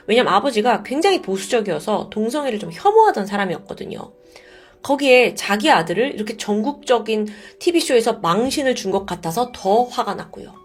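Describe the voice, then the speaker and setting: A woman storyteller narrating true crime in a chatty, conversational way. Her pitch rises and falls a great deal, and soft music plays behind her. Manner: chatty, expressive, addresses listeners directly. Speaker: storyteller host.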